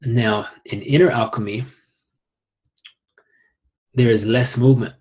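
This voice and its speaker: A young man teaching an online qigong class in a calm, unhurried way, with rising emphasis and soft asides. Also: medium pitch, breathy edge.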